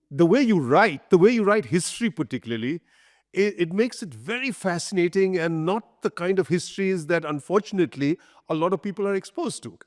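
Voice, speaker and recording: Older man, slightly high voice, interviewing. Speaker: podcast host, interviewer. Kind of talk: conversational interview.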